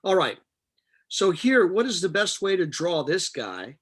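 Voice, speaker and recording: A man's voice: high voice, big pitch swings, normal speed, fairly bright tone, husky. A middle-aged man teaching a chemistry class, explaining step by step with patient jokes. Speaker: chemistry instructor. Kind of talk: live online chemistry lecture.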